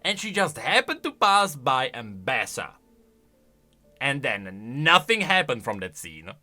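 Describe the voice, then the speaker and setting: A man reacts to game voice lines with casual, animated commentary, mixing emphatic bursts with quieter asides. His voice is medium in pitch and his pace unhurried.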